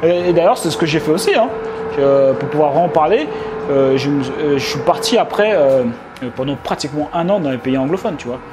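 A man's voice: on the high side, lively intonation, a little fast, noisy background. Slangy young man giving casual advice. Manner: slangy, informal, many fillers and restarts. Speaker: online business vlogger. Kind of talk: casual advice talk to camera. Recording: faint music behind.

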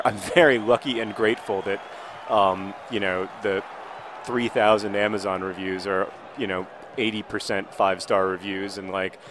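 A man in his thirties chatting while playing a football video game, rambling, self-interrupting and breaking into loud excited play-by-play. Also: fairly low pitch, a little hiss or hum. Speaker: gaming video host. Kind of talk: casual commentary over a football video game.

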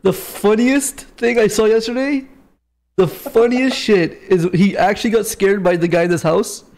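High-voiced man laughing hysterically. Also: moderate pace, darkish tone. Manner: hysterical laughing while talking. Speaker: reactor to a livestream clip. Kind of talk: casual chat, reacting to a video.

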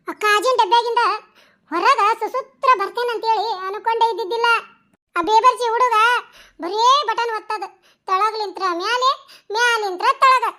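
A dramatic rustic village woman in a cartoon, played by a woman, chattering in a North Karnataka Kannada accent. Her voice sits very high and sounds bright and sharp. She tells her stories excitedly and scolds freely. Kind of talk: cartoon voice acting.

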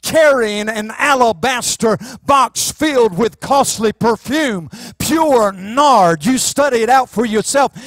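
A man's voice: extremely high pitch, no room sound. A pastor in his forties with a Southern US accent, preaching impassioned to his church on a handheld microphone. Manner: impassioned preaching, rising to shouts. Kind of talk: sermon. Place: church sanctuary stage.

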